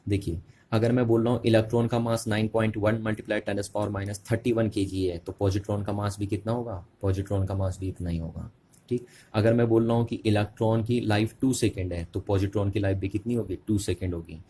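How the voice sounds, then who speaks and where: Low-voiced man teaching physics. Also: steady tone, warm tone. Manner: repetitive, asks questions and answers them himself; slows to dictate notes word by word. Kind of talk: classroom-style physics lecture.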